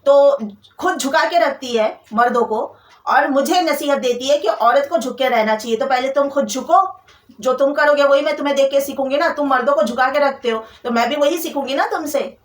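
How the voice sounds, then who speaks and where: A woman's voice: high voice, moderate pace. A young woman from Kolkata venting about her in-laws in a personal storytelling vlog, with an indignant manner. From Kolkata, India. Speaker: vlogger. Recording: roomy echo, from a distance.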